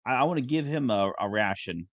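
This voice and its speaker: A man's voice: mid-range voice, expressive, brisk, no echo, muffled recording. A man playing a tabletop game, talking in an easygoing, joking way. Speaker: player. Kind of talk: casual tabletop game chat.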